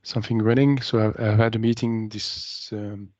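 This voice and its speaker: A man on a video call explaining a planned demonstration to a meeting, halting often with ums and uhs. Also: lowish voice, flat delivery, a little mellow, dry recording. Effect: heard over a video call. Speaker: meeting participant presenting a demo. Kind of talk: business meeting update. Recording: dry, slightly muffled video call audio.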